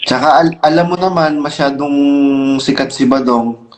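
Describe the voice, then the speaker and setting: Isang lalaking host ng channel sa kaswal na kuwentuhan, masigla at minsan nanenermon. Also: male voice, on the high side, normal speed, a little hiss or hum. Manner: animated, scolding when addressing critics. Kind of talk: casual chat. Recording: echoey room.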